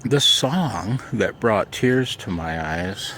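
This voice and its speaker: Speaking slowly and at length, this amateur radio vlogger has a very deep, gravelly voice that turns expressive and sharp. His casual, self-deprecating chat feels homemade, recorded outdoors in a backyard garden and deck with faint background noise.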